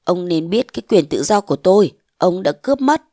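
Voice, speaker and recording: A woman voicing a bold, scheming young wife of a mandarin, defiant and sharp-tongued, in a storybook reading. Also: on the low side, sing-song, a little fast, dry recording, studio quality. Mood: scornful.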